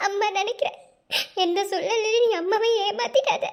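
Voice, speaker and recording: A loving young mother who speaks to her child through tears. The voice is very high, tender and pleading. It is cartoon drama dialogue. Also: a little fast, gravelly. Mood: tearful tender.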